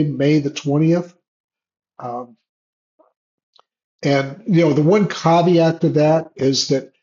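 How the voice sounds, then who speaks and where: A man hosting an online Q&A, talking casually with halting restarts and fillers, his voice cutting out over an unstable video call connection. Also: a little high. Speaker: host of online Q&A session. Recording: lo-fi choppy online call audio.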